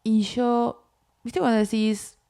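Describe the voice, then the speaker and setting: A woman from Uruguay with a Uruguayan Spanish accent, co-hosting and telling a personal faith story in a casual, animated way, acting out her own inner dialogue. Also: fairly high pitch, takes it slowly, gravelly. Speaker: co-host.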